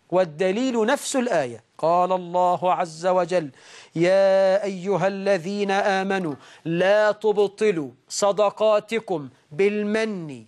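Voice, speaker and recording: A high-pitched male preacher with an Egyptian accent. He stretches recited passages out slowly, then breaks into sharp, raised exhortations. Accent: Egyptian Arabic. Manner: dramatic swings, slow drawn-out recitation and sudden raised outbursts. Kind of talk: sermon.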